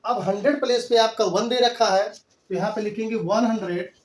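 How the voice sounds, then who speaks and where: Heard from far off in an echoey room, a man teaches maths in mixed Hindi and English, counting out place values step by step with patient repetition. His voice sits high, at a normal speed.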